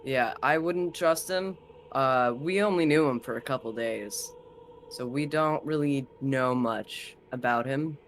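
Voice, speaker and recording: A man's voice: mid-range voice, a little slow, a bit bright, slight background noise. A man playing a tabletop role-playing game, reasoning casually and cautiously in character.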